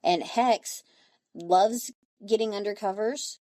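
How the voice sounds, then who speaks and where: Mellow, blunt woman podcast host. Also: mid-range voice, slow, no room sound. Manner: wry storytelling, blunt. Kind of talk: casual chat.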